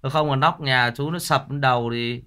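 A man hosts a late-night ghost-story livestream, greeting viewers one by one in a relaxed, chatty way. He jokes and teases freely, and his voice sits at an ordinary middle pitch. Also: fairly quick. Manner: joking, teasing banter. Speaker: livestream host reading ghost stories.

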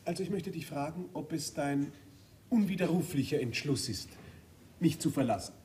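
An actor playing a formal, measured husband who is hurt but stays polite, in a stage play recording. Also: male voice, a little high, expressive, darkish tone, lightly acted. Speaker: Arnold. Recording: distant stage mic with faint room noise.

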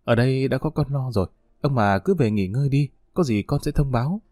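A man's voice: medium pitch, a little fast, a little mellow, no room sound, studio quality, lightly acted. A man voicing a scheming stepmother who pleads in a self-pitying tone. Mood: sweet. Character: scheming tearful stepmother, a young wife.

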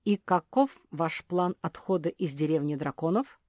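A woman's voice: deep voice, lively intonation, moderate pace, mellow, no echo, clean studio sound. A woman voicing a clever male pug who speaks in a formal, pedantic, scolding way. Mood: demanding. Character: smartest male pug, stern and lecturing.

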